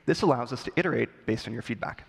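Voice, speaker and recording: A man's voice: medium pitch, lively intonation, rapid-fire, creaky, breathy edge. A man in his thirties presenting a polished, scripted keynote on a conference stage. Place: large conference hall, on stage. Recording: long hall reverb.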